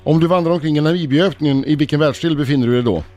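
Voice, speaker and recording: A man reading quiz questions at a brisk, even pace on a morning radio show. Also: fairly high pitch, soft background music.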